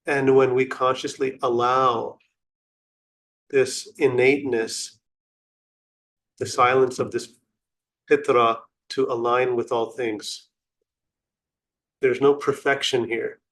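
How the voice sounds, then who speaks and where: Slow and reflective, this male meditation guide gives instructions in brief phrases separated by long silences. His voice is mid-range and a bit bright, with little pitch movement.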